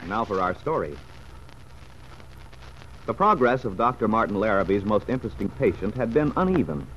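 A man narrating an old radio show in a measured, formal storytelling manner. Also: lowish voice, animated, a bit bright. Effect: old radio show broadcast. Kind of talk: scripted 1940s radio drama narration. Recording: muffled old radio recording with faint hiss.

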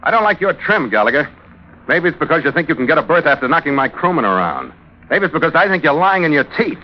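An American man with a fairly high, sing-song voice speaks fast as the lead actor and narrator of a hardboiled 1940s-50s radio mystery, playing a gruff, suspicious ship's skipper. His delivery is terse, wisecracking, and hard-bitten. The old recording is muffled, with music behind it and a little hiss or hum.

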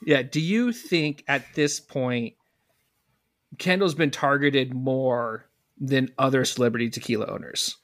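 A man's voice: medium pitch, measured pace, a bit bright. A man co-hosting a podcast, easygoing and chatty, telling stories with many restarts. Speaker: podcast co-host. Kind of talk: casual podcast chat.

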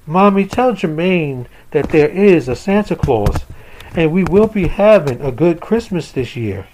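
A man's voice: on the high side, big pitch swings, unhurried, darkish tone, a little hiss or hum, pitched above the performer's own voice, rough recording. A man voicing a hopeful little boy who asks eager, pleading questions.

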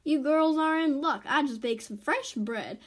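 A woman's voice: high voice, a little slow, voice pushed up. A woman voicing a kind old lady from a homemade storybook, doting and fussy. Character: kind old lady living alone in woods.

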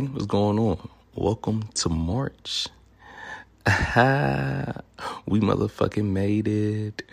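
A man with a Southern US accent and a deep, smooth voice, hosting a casual solo podcast in a playful, boastful, sweary way. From Memphis, Tennessee, United States. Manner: playful, boastful, profanity-laden delivery. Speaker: podcast host.

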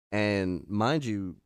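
A man's voice: lowish voice, clean tone, no room sound, clean studio sound. A man co-hosting a podcast in loose casual chat, swearing and saying "bro". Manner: loose, profane, says "bro" a lot. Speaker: podcast co-host.

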